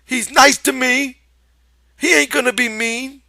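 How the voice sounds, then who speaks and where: Lenny, whiny high-pitched childlike simpleton. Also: male voice, fairly even intonation, measured pace, creaky, bright, forceful tone, no echo, clean studio sound, full character voice. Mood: defiant. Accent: rural American. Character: Lenny, big childlike simple-minded man, pleading and excitable.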